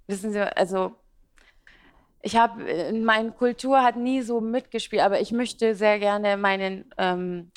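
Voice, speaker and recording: Guesting on an interview, this twenty-something beauty and fashion blogger, an Iraqi-born native Aramaic speaker, rambles chattily through her answers with fillers. Her medium-pitched voice is clear and resonant, and she keeps a measured pace.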